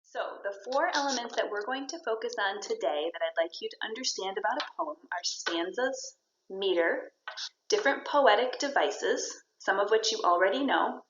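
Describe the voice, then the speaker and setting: A woman's voice: medium pitch, animated, moderate pace, fairly bright tone, slight background noise. A woman teacher giving a poetry lesson, explaining step by step and encouraging her students. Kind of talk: recorded classroom lesson. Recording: roomy, dull lo-fi sound.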